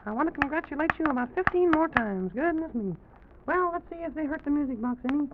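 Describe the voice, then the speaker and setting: A man voicing a small, excitable, bearded little president in a children's radio drama, folksy, boastful and kindly, repeating himself. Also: very high voice, quick pace, heavy background noise, voice pushed up. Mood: proud, delighted. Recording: dull vintage broadcast, loud music behind.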